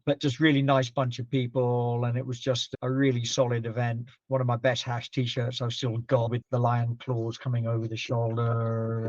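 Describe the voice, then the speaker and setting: A man's voice: medium pitch, dry recording. Middle-aged male guest, easygoing rambling raconteur, recorded dry and muffled. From Zambia-born, raised in Scotland. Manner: rambling anecdotes with frequent laughs. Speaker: podcast guest. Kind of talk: relaxed storytelling interview. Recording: dull, muffled sound.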